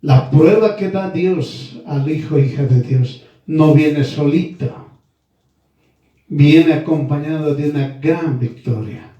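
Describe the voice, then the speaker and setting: A man delivering a sermon in a slow, deliberate way, leaning on repeated phrases. His voice sits a little high but has a dark, mellow tone. He sounds set back from the mic in a strongly echoing room. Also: muffled recording. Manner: addresses listeners formally as brother and sister. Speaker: preacher. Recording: very echoey room, voice from far off.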